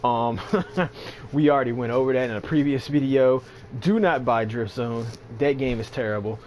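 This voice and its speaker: A man's voice: mid-range voice, moderate pace, darkish tone, a little hiss or hum. A man giving casual, rambling commentary on a game update, sleepy and yawning, with lots of fillers and slang. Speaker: gaming channel host.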